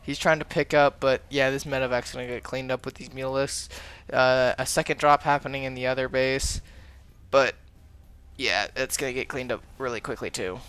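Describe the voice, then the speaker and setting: A man commentating a strategy game match, calm in analysis and excitable when fights break out. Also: medium pitch, normal speed, clean tone. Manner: excitable, shouts during fights. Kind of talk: esports casting.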